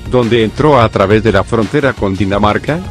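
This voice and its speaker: Soft music plays behind a man with a fairly low voice who reads a scripted news narration at a moderate pace. He delivers the text evenly, word for word, as a news reader.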